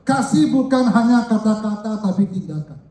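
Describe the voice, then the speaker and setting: An older man preaching a sermon as pastor, lively and joking with his congregation. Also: sits high, normal speed. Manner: lively, jokes with the congregation and calls out to them. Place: church hall. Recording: echoey hall, mic from far off.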